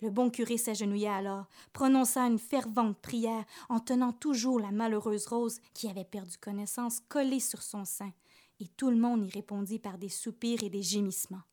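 A woman reading a folk tale aloud with expressive storytelling. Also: a little high, normal speed. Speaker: narrator.

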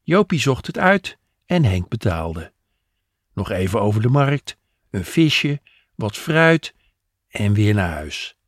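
A man telling a story slowly and gently, his low voice a little husky. His pitch moves a lot as he narrates. The recording is dry and close. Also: very animated, no room sound.

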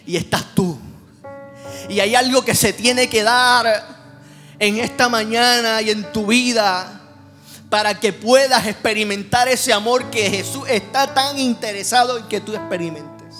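A man's voice: high voice, a little slow, sharp tone, soft background music. A man preaching a sermon with impassioned, rhythmic repetition that swells into near-singing.

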